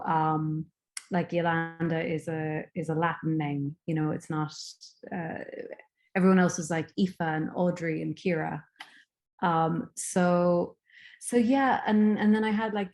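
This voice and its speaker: An Irish woman with a fairly low, darkish voice is a guest on a casual interview. She speaks hesitantly, full of ums and restarts, and laughs easily.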